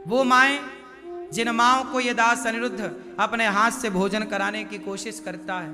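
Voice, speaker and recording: A man's voice: sits high, steady tone, moderate pace. A man telling a devotional story as a preacher, chanting verses and explaining them in a storytelling sermon. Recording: live hall with reverb and music.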